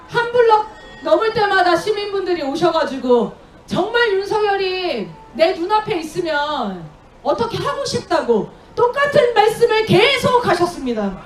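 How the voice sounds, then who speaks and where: A woman with a very high, piercing voice runs an outdoor protest, asking the crowd rhetorical questions and leading chants. She speaks slowly and deliberately through a handheld mic, and her voice rings off the surrounding street with a faint crowd murmur behind her. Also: recorded from a distance. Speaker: rally emcee leading chants. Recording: echoey outdoor rally with crowd noise.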